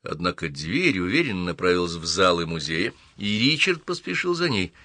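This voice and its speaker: A man narrating an audiobook in an even, measured reading. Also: low voice, no room sound.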